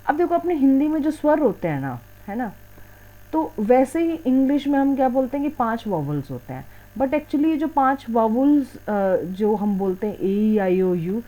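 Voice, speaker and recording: Woman, fairly high pitch, exam tutor, mixes Hindi and English, close mic. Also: very animated, normal speed, dark tone, poor audio. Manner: mixes Hindi and English, asks and answers own questions. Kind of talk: explaining a lesson.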